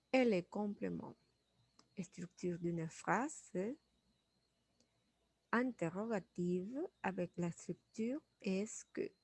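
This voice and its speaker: A woman explains grammar in an unhurried way, saying each example twice. She has a mid-range voice, and the recording is dry and close to the mic. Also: mid-range voice, mellow, slightly rough, no echo. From Venezuela. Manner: patient, repeats each example, asks "oui". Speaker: French teacher. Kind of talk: slow classroom explanation.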